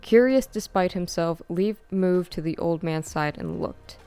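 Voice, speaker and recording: A woman reading a fantasy chapter book aloud in a calm, even storybook narration. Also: on the low side, unhurried, clear, resonant tone. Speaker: audiobook reader. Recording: faint background music.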